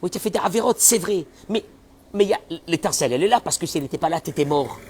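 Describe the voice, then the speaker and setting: Rabbi guy preaching, fired up then hushed, slightly high voice, faint hiss behind. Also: lively intonation, rapid-fire. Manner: impassioned, urges listeners directly, swings from soft to loud. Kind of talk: sermon.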